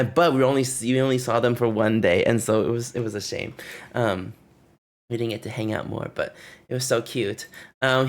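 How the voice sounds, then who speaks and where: A man livestreaming, casually telling trip stories to his chat, laughing often and breaking off to greet and thank viewers. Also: medium pitch. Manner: animated, laughing often, rambling with fillers.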